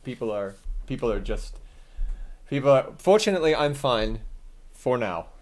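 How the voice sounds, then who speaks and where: A man hosting a live stream, chatting in a rambling, self-mocking way and thinking out loud while he works on his computer. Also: mid-range voice, expressive, moderate pace.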